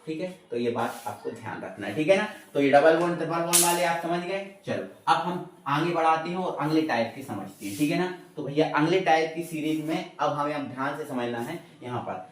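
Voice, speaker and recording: In an informal classroom-style chemistry lesson, a man with a fairly high voice poses questions, repeats them, and supplies the answers himself. He addresses students as beta and bhaiya and reassuringly tells them not to worry. The distant mic sounds echoey and off-mic, with slight background noise.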